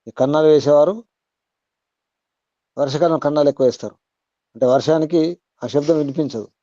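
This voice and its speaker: A man teaching to a group on a call, asking listeners direct questions and reciting verses slowly. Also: fairly high pitch, dark tone, no echo, lo-fi sound. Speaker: spiritual teacher. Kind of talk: teaching over an online call.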